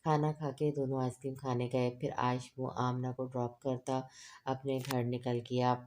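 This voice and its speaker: Very deep, flat-voiced woman narrator. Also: a little hiss or hum. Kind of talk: storybook novel reading.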